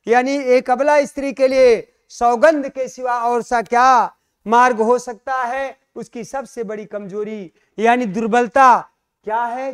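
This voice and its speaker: A man teaches an exam-prep lesson on Hindi poetry in a strikingly high, smooth voice. He talks slowly and unhurriedly, fondly calling the class his dear children. He puts questions to them and then answers them himself. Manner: reads verse lines slowly and with stress.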